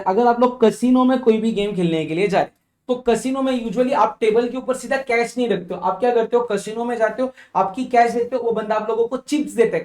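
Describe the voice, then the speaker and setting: A man teaching a tax revision lecture, working through examples and often asking if it is clear, with English legal phrases read out slowly. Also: very high-pitched, darkish tone. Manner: explains with worked examples and checks for understanding.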